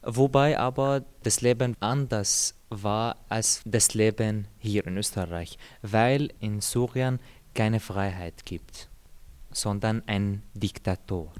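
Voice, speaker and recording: A young Syrian man whose first language is Arabic answers interview questions about his life in a low, even voice. He speaks calmly and measuredly, pausing and repeating words as he searches, and the tone is clean.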